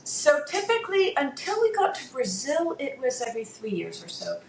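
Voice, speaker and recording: A Dutch-speaking woman in her fifties, appearing as an interview guest, talks casually and hesitantly with many fillers and restarts. Her voice sits high and sing-song with vocal fry, at normal speed, in an echoey room with faint background noise.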